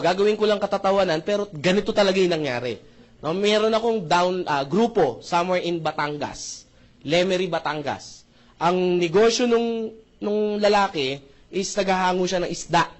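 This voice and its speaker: High-voiced joking male seminar speaker. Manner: joking, keeps asking the audience "tama ba?"; polite, addresses the crowd with "po" and "mga brother, mga sister". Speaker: seminar speaker presenting a marketing plan. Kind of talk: lively seminar presentation mixing Tagalog and English.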